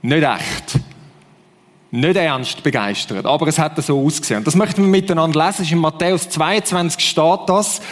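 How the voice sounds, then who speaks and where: A man's voice: fairly high pitch, normal speed, long reverb tail. A man with a Swiss German accent preaching a sermon, who acts out fake enthusiasm in playful voices. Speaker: pastor.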